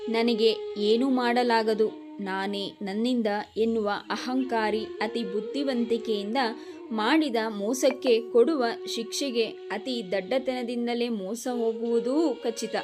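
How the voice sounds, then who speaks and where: A woman delivers scripted motivational narration in an unhurried, deliberate cadence, her voice sitting a little high. She speaks in a grave, admonishing tone, addressing the listener directly. Clear background music runs beneath her voice the whole time.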